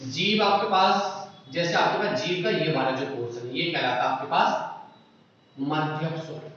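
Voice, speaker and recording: A man's voice: a little high, normal speed, a bit bright, slight background noise. A man teaching a lesson, asking rhetorical questions and drawing out sounds as examples, recorded far from the mic in an echoey room with dull lo-fi sound. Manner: repeats checks like "ठीक है" and rhetorical questions, draws out vowel sounds. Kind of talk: classroom lesson on Hindi phonetics.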